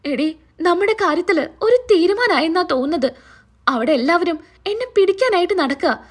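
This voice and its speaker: A woman's voice: very high-pitched, expressive, normal speed. A woman voicing a frightened middle-aged man hiding after being caught out. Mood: fearful. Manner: whining and fearful.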